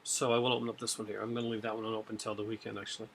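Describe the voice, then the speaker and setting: A lowish, level-toned man talks rapid-fire with a slightly bright edge, and there's slight background noise. He's a middle-aged video host from Newfoundland, Canada, lightly accented, casually showing off his purchases by webcam from a home room with shelves and a TV, rambling and using many fillers.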